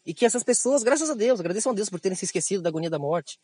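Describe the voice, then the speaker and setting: High-voiced Brazilian man, animated spiritual talk. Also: rapid-fire, husky, no echo. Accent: Brazilian Portuguese. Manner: animated, slangy, acts out quotes in raised voices. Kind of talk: esoteric spiritual monologue.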